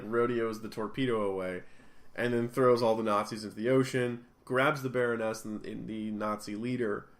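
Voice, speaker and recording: A man co-hosting a podcast, casually retelling a comic book story and acting out the characters' lines with lively bursts. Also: mid-range voice. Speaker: podcast co-host.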